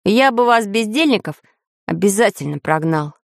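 A woman's voice: medium pitch, expressive, normal speed, creaky, dry recording, clean studio sound, voice pushed up. A woman voicing a stern, practical male inventor who captains a flying ship, speaking in a raised, scolding tone.

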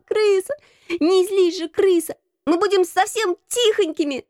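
Woman doing shrill eager street boys. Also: dry recording, studio quality. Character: eager young street boys, proud and pleading. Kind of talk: audiobook character voice.

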